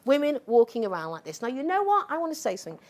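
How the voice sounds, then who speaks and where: A middle-aged woman lecturing to an audience, her fairly high voice rising and falling sharply as she argues. She is sarcastic and combative and keeps checking in with "okay?" and "right?". She sounds like a seasoned speaker driving her case home. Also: very animated, very fast, a little mellow. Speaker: sociology professor giving a lecture. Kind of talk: impassioned public talk.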